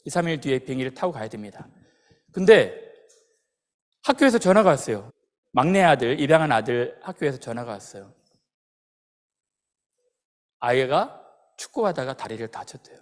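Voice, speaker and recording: A man preaching a sermon as a pastor, telling stories in an animated way and acting out the people in them. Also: on the high side. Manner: animated storytelling, acting out quoted voices. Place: church sanctuary. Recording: long hall reverb.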